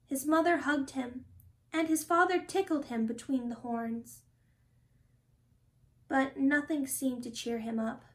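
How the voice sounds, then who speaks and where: Reading a children's picture book aloud, this high-voiced woman narrates in a deliberate, expressive storytelling style.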